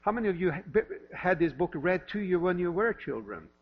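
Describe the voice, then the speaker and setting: A man's voice: high-pitched, sing-song, fairly quick. A pastor in his fifties, originally from Norway, gives a sermon in a church with light self-deprecating humor, asking the same questions again and again. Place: church sanctuary. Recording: lo-fi with mains hum.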